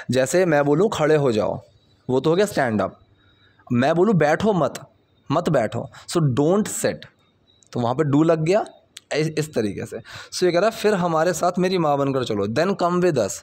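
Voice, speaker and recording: A man teaching English by explaining movie subtitle lines, reading each example sentence slowly and deliberately. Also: fairly high pitch, darkish tone.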